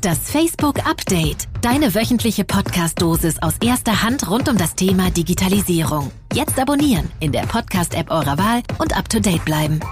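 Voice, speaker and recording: A woman reading a scripted podcast promo in a lively, salesy manner. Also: medium pitch, moderate pace, hardly any pauses. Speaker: promo announcer. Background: music.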